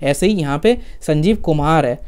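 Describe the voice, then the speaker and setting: Male exam tutor, slightly high pitch, smooth voice, chatty lecture, forgets and corrects names. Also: moderate pace, a little mellow. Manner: chatty, repeats "theek hai" and "hai na"; forgets names and corrects himself mid-sentence. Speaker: exam-prep teacher. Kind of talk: casual Hindi lecture with memory tricks.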